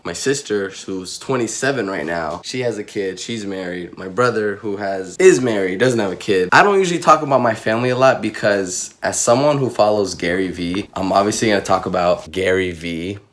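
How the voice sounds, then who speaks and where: Joking young man vlogging, lowish voice. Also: moderate pace, few pauses, a bit bright. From Iraq. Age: 20s. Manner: joking, rambling, self-mocking. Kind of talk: casual personal vlog.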